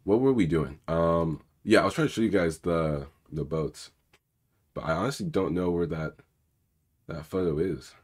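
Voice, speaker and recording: A cybersecurity channel host runs a casual live coding walkthrough, reading out viewer questions as he goes. He's sick, so his naturally low, rumbly voice comes out raspier than usual, at a normal speed. He rambles, leans heavily on fillers, and mutters to himself while clicking around.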